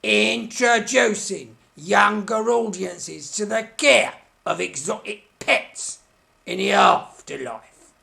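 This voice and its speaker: A performer voicing a vain, touchy male puppet stage actor, hammy, pompous and theatrical, with a creaky, sharp voice in a comic mock interview. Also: medium pitch, slow, full character voice. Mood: pompous, defensive.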